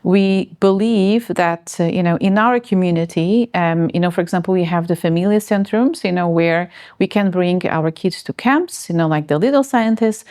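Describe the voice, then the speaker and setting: A woman's voice: fairly low pitch, normal speed, hardly any pauses, darkish tone. A woman from Portugal in her forties, answering interview questions in a hesitant way, with many fillers and restarts.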